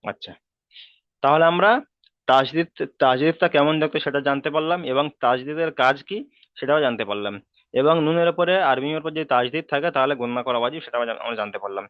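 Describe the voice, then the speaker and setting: A man teaching Quran reading in a step-by-step recitation lesson, patiently spelling out and repeating each syllable slowly for students. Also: mid-range voice, dry recording, lo-fi sound.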